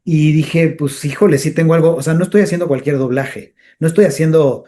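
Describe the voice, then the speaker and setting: Speaking fairly quickly, this guest, a comedian and voice actor, spins animated stories in a casual interview, occasionally dropping into character voices. His pitch is slightly higher than typical for a man.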